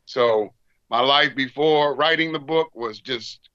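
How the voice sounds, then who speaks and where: Middle-aged American male, veteran recalling his life as interview guest. Bright, punchy, earnest delivery, close dry sound. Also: mid-range voice, slow pace, no room sound, dull audio. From Washington, D.C., United States. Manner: veteran reminiscing about life. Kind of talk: conversational interview storytelling.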